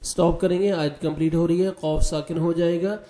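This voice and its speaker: A man teaching Quran recitation, spelling out letters with their vowel marks slowly, then explaining rules quickly, and chanting verses in long drawn-out tones. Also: a little high, fairly even intonation, warm tone, reverberant. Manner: draws out recited words in slow chant.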